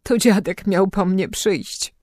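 A woman's voice: medium pitch, slow pace, darkish tone, no echo, clean studio sound. A woman voicing an elderly grandmother who is anxious and bewildered, in an audiobook. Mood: worried. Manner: anxious, questioning.

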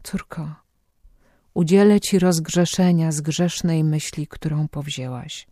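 A man reading aloud and voicing a patient, gentle priest who speaks softly and calmly to a penitent. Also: on the high side, slow pace, no echo, clean studio sound. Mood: gentle, fatherly. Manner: calm, soft, fatherly. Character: patient, gentle old Franciscan priest hearing confession.

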